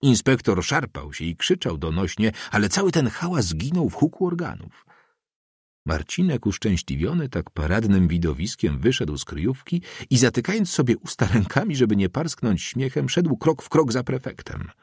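Mężczyzna czytający powieść jako lektor audiobooka, wyważenie i ekspresyjnie. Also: male voice, fairly low pitch, husky, no echo, studio quality. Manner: measured, expressive reading. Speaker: audiobook narrator. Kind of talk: scripted literary narration.

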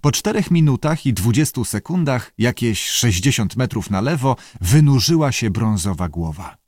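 A man reading an audiobook in measured, even storytelling narration. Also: medium pitch, no room sound, studio quality.

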